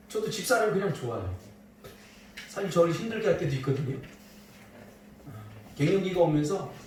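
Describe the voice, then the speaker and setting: A middle-aged man preaches a sermon and teases his congregation with playful asides. His voice sits high and swings widely in pitch. It is picked up from a distance in a very echoey church hall, with faint noise behind. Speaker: pastor. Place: church sanctuary.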